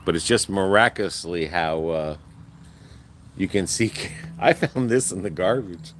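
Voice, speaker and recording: A man's voice: sits low, a little slow, fairly bright tone, a little hiss or hum, poor audio. A man chatting casually and rambling while he shows his garden outdoors on a live stream. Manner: rambling, chatty, laughs often, folksy. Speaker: vlogger.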